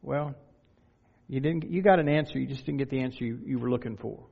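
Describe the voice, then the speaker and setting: Earnest pastor preaching in a reverberant church. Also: male voice, mid-range voice, fast, vocal fry, slightly rough. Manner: earnest, shifts from quiet reflection to raised exhortation. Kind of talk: sermon. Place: church sanctuary. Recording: dull, reverberant hall recording with faint music.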